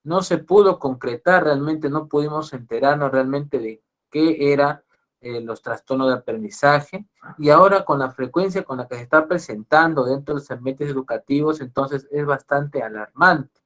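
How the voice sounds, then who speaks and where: A man's voice: a little high, normal speed, fairly bright tone. A Peruvian psychologist giving an online lecture to an audience, often repeating and restarting his phrases. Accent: Peruvian Spanish. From Peru. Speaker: psychologist giving a webinar talk.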